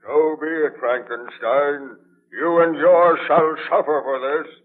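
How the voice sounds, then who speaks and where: Man-made monster, anguished and vengeful, slow portentous delivery, thin vintage radio sound. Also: a little high, fairly even intonation. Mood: threatening. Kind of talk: 1930s radio drama acting. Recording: tinny band-limited 1930s radio broadcast.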